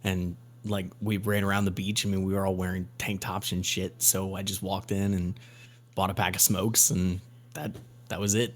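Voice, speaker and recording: A young podcast co-host with a very low, deep voice. He rambles along easily, restarting his sentences as he goes. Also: flat delivery, moderate pace. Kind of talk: casual chat.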